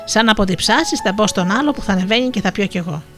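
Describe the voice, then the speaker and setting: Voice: medium pitch, music in the background, lightly acted. A storyteller voicing a sly, cunning female fox, wheedling and moaning theatrically, in an Asia Minor Greek dialect.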